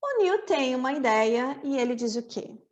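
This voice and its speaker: A woman with a Brazilian Portuguese accent, teaching English by explaining film lines and repeating phrases slowly and deliberately. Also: high-pitched, big pitch swings, darkish tone, muffled recording.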